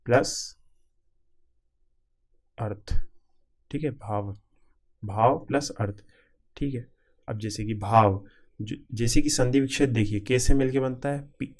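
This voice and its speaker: A male teacher walks exam students through a grammar lesson at a plain middle pitch. He splits each word into its parts one at a time and checks in with the class again and again. His delivery is patient and repetitive. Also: a little mellow. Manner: repetitive, keeps checking in with "ठीक है"; spells out word parts slowly, piece by piece.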